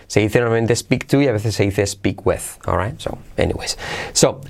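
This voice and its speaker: A man runs a podcast pronunciation lesson. He breaks phrases down sound by sound and repeats them slowly before dashing through quick side remarks. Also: mid-range voice. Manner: switches between quick asides and slow drilled repetition. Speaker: English teacher.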